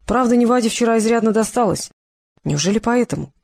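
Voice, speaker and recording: A woman reading a novel aloud in a steady, even storytelling manner. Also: fairly high pitch, brisk, creaky. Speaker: audiobook narrator. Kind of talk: scripted narration.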